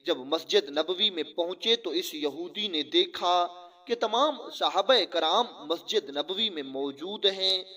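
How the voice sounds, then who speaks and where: A man narrates a religious story, reverent and earnest, with frequent honorifics. His voice is high and very lively, and it has a bright, forceful edge.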